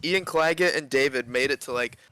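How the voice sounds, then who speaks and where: Bright, teasing man on a podcast. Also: mid-range voice, brisk, smooth, no echo. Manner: teasing, laughs often. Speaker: podcast co-host. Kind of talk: casual chat among friends.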